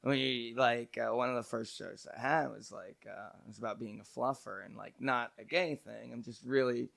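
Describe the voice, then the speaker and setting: A man guesting on a comedy podcast, joking crudely with a deadpan delivery. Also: medium pitch, moderate pace, creaky. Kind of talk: casual chat.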